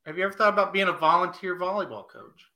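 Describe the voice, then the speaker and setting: A man hosting a casual sports talk show. He runs through betting picks in an excitable, joking way and pokes fun at himself. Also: sits high, quick pace, low-quality recording. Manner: excitable, joking, self-mocking.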